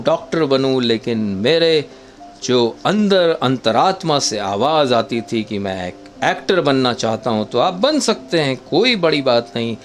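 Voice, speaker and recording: A man giving viewers step-by-step acting advice in an unhurried, instructive way, often calling them friends. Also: fairly high pitch. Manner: demonstrates dialect voices in short quotes. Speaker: travel vlogger giving acting tips.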